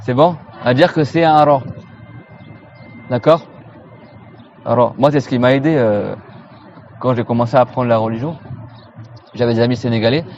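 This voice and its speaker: A man from France leads an informal recitation class, breaking words into slow, repeated syllables and asking "okay?" after each point. His voice sits at an ordinary middle pitch. The recording is muffled and lo-fi, with a faint hiss behind him. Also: darkish tone. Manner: repeats Arabic sounds slowly for students to echo; casual, familiar, checks in with "d'accord?". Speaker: Quran recitation teacher. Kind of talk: informal pronunciation lesson.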